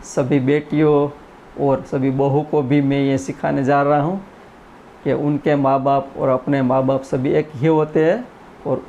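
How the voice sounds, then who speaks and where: Slow-talking earnest man preaching a moral. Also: mid-range voice, little pitch movement, dark tone, highs cut off, a little hiss or hum. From India. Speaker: YouTube channel creator. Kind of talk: spoken story and message, then singing.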